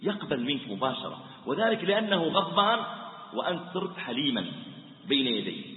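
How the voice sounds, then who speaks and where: A man's voice: fairly high pitch, brisk. Man preaching in an echoey hall. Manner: animated storyteller, mimics the voices in his stories. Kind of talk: sermon with acted-out anecdotes. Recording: roomy hall, phone-like thin sound.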